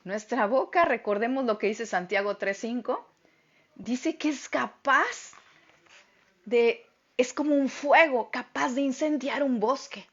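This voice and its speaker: A middle-aged woman teaching a Bible lesson to a women's group, speaking loudly and emphatically. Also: a little high, muffled recording. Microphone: phone.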